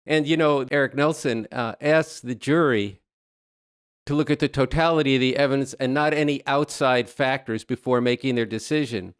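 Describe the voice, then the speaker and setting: A man's voice: mid-range voice, fairly even intonation, moderate pace, clear, resonant tone, no echo, clean studio sound. A man hosting a political podcast, blunt and sardonic, breaking into asides before handing over to a guest. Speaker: podcast host. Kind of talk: political commentary.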